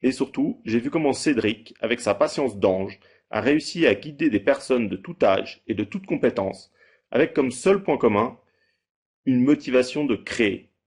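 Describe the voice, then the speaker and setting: A man in his thirties giving a measured, read-aloud testimonial as a holiday rental owner. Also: mid-range voice, animated, a little mellow, husky. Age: 30s. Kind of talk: scripted testimonial.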